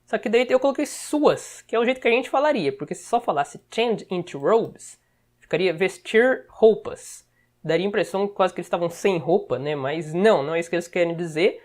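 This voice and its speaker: A woman with a Brazilian Portuguese accent, teaching English by explaining film dialogue, checking in often with short tags and repeating words slowly to model them. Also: lowish voice, lively intonation, darkish tone.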